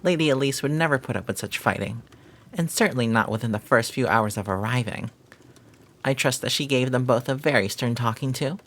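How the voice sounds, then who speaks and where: A mid-range, natural-sounding voice moves briskly as the performer takes on the role of a devoted, flirtatious maid. In this scripted romantic audio roleplay she gossips and teases in ornate, formal language, with a gossipy, amused mood.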